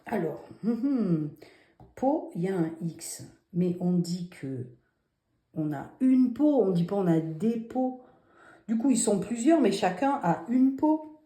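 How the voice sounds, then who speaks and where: A woman's voice: mid-range voice, lively intonation, takes it slowly, warm tone. A woman teacher walking children through a spelling exercise, patient and step by step, asking them questions as she goes. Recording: roomy echo.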